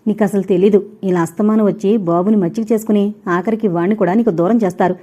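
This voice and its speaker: A woman's voice: medium pitch, fairly even intonation, fast, dark tone, natural voice. A woman doing a spiteful scolding mother-in-law. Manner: scolding, snapping. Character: bitter scolding older mother-in-law, spiteful and quick to snap.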